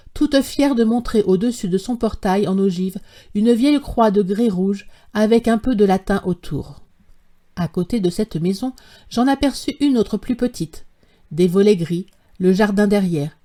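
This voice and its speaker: Woman, audiobook narrator, mellow warm tone, measured literary reading. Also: medium pitch.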